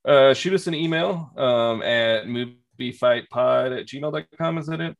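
A man's voice: medium pitch, moderate pace, vocal fry. A man co-hosting a movie podcast with a stuffy head cold, chatting casually and teasing his co-hosts. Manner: joking, teasing. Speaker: podcast co-host. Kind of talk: casual chat.

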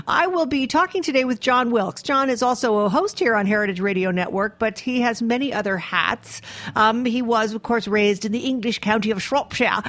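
A woman's voice: mid-range voice, a bit bright. A woman hosting a radio interview from the studio, talking in a chatty, jokey way with restarts. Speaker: radio show host.

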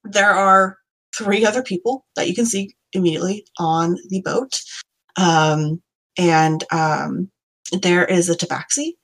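A woman's voice: on the low side, steady tone, a little slow, poor audio. A woman running a tabletop game as game master, narrating in a rambling, hesitant way full of fillers.

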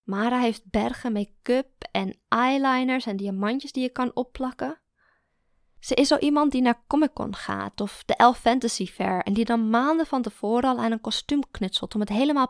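A woman narrating a first-person story in a calm, even storytelling manner. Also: on the high side, creaky, no echo, studio quality. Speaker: audiobook narrator.

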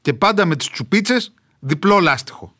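A man's voice: high-pitched, lively intonation, sharp tone, pitched above the performer's own voice, exaggerated voice. A man voicing a hearty Greek-Kenyan ranch owner who speaks an old rustic mountain Achaean Greek dialect with a heavy drawl and a folksy, fatherly manner. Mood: brisk, advising.

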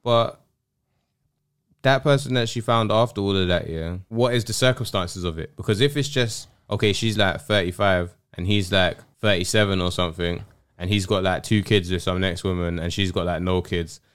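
A man's voice: deep voice, normal speed, fairly bright tone, clean tone. A man with a London roadman accent giving casual podcast commentary in street slang, reasoning through comparisons.

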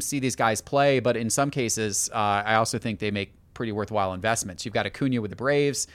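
A man appearing as a guest in a casual interview, speaking in a measured way. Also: mid-range voice, a bit bright, smooth, no room sound. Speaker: guest, card collector.

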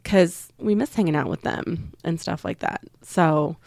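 A woman co-hosting a podcast in casual chat, talking frankly and with animation, teasing and quick to laugh. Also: low-pitched, lively intonation, vocal fry, darkish tone, no room sound, clean studio sound. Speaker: podcast co-host.

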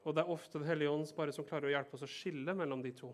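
A man's voice: a little high, fairly even intonation. A male pastor reading scripture aloud and then explaining it in a conversational way, often checking that listeners are following.

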